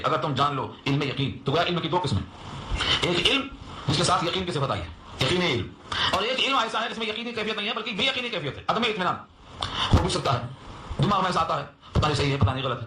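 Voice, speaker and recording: Man teaching Quran commentary, bright and roomy. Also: noisy background. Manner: explanatory, rhetorical questions, swings between low and high emphasis. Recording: roomy echo with faint ambience.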